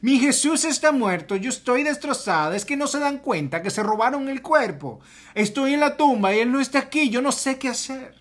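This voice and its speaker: Brief: man doing a grieving, desperate woman at a tomb, husky, voice pushed high, pleading. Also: animated, normal speed, fairly bright tone, full character voice. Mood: distraught. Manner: distraught, pleading, first-person lament. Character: grieving woman Mary Magdalene at the empty tomb.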